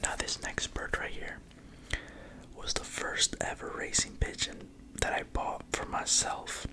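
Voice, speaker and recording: The voice is a soft, unvoiced whisper from start to end. It narrates in ASMR style, hushed and confiding, as though passing on a secret to the listener. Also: a little slow, rough recording. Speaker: racing pigeon keeper presenting own birds.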